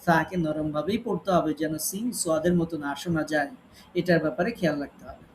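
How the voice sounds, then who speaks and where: High-voiced man teaching Quran recitation. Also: steady tone, slight background noise. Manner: explains patiently, recites Arabic examples slowly. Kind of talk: online tajweed class lecture. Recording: echoey room with faint ambience.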